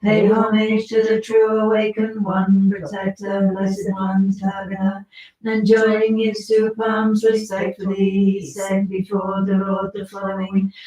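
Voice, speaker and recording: A woman leading a Buddhist practice, speaking earnestly and in a measured way, softly announcing and reading prayers aloud inside an echoey cave. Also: mid-range voice, completely flat delivery. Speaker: leader of a Buddhist practice session. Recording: echoey cave, distant mic.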